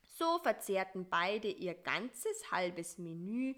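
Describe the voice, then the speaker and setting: Slow, calm woman storyteller. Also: medium pitch. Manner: calm, unhurried narration. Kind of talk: reading a children's story aloud.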